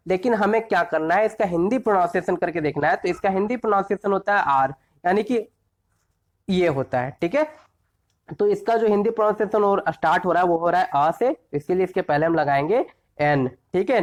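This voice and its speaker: A man teaching a grammar lesson. He keeps asking quick questions and answering them himself, often checks that the listener is following, and reads example phrases slowly. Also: high voice. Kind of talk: classroom-style grammar lesson.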